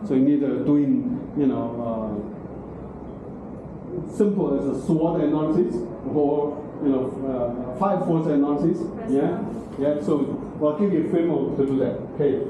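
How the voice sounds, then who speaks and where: This is a classroom lecture from a middle-aged man speaking broken English at a university, with frequent "okay?" and "right?" check-ins. His fairly high voice moves at a moderate pace and sounds phone-quality. It was captured from far off by a room camera in a large classroom, leaving it very echoey and noisy.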